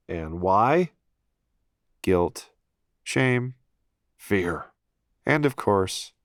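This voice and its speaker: A man's voice: lowish voice, dry recording, studio quality. A man narrating a first-person audiobook in a wry, self-deprecating way, with profane asides.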